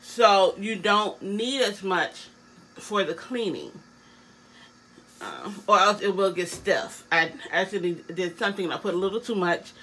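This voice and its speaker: A woman's voice: medium pitch, expressive, measured pace, bright, forceful tone, husky, low-quality recording. A woman giving a casual product demonstration, her articulation slightly awkward as she talks with new braces in her mouth. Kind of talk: casual product demo chat.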